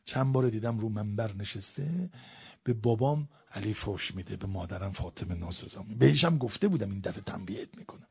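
A man preaching a sermon that builds into a mourning recital, swinging from hushed asides to loud, impassioned preaching. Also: lowish voice, expressive, gravelly, husky.

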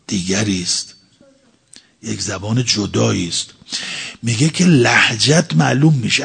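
A man's voice: mid-range voice, vocal fry, a bit bright, husky. A man preaching a religious talk, explaining by asking and answering his own questions. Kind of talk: sermon.

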